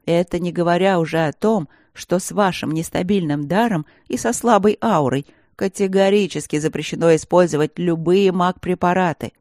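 A woman's voice: on the low side, normal speed, darkish tone, no room sound, lightly acted. A woman voicing a stern, cold male professor who lectures in a dry, cutting way.

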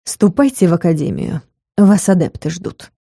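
A woman's voice: on the low side, vocal fry, mellow, breathy edge, no room sound, clean studio sound. A woman voicing a cold, weary male rector. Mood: cold stern. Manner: slow, measured, icy. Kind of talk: audiobook character voice.

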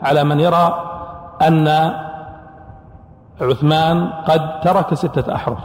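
Male scholar, lecturing voice slightly high for a man, asks and answers his own questions; echoey hall. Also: steady tone, unhurried, a little mellow. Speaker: Islamic scholar teaching Quran sciences. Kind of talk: classroom lecture.

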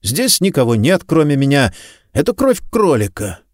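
A man voicing a frightened, defiant male suspect under arrest, with shrill yelping protests. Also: big pitch swings, moderate pace, no echo, studio quality. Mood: protesting.

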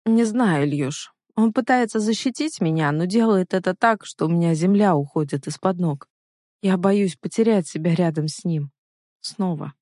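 A woman's voice: fairly low pitch, normal speed, a little mellow, no room sound, natural voice. A reader voicing a stubborn, hurt young woman in a storybook reading, pleading and emotional, in a dry recording. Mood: tearful.

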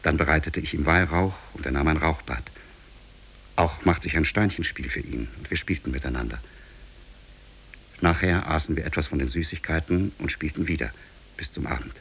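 A grieving young storyteller. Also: male voice, a bass voice, fairly bright tone, slight background noise. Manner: measured storytelling, sinks into sorrow. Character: grieving young man telling his sad tale. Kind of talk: 1950s radio drama narration. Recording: old tape, muffled radio play.

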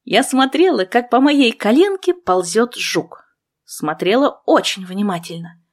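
A woman narrates a first-person fantasy story in a playful, expressive audiobook manner. Her voice sits slightly high and swings widely in pitch, and she takes her time over every phrase. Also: a little slow. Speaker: audiobook reader.

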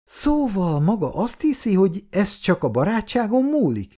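A proud, quick-tempered young woman, put on by a man reading a story aloud. Her voice leaps high and swoops widely as she snaps back indignantly. The retorts come sharp and heated. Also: wildly swooping pitch.

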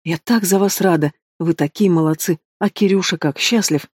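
A man's voice: high-pitched, normal speed, breathy edge, dry recording, studio quality. A man doing a bossy scolding mother. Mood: gushing. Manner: bossy and reproachful. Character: middle-aged mother, blunt, scolding, self-centred.

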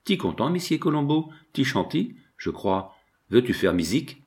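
A man's voice: mid-range voice, sing-song, normal speed, a little mellow, voice pushed up. A man reading an audiobook, voicing a cheerful male ship's cook who talks in broken, childlike speech. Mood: delighted. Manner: broken childlike French, exclamatory.

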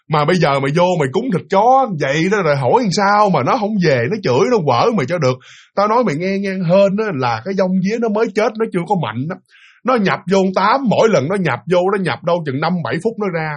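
A man with a Southern Vietnamese accent voicing an old grandmother who scolds a younger relative loudly and in exasperation. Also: sits high, husky, pitched above the performer's own voice.

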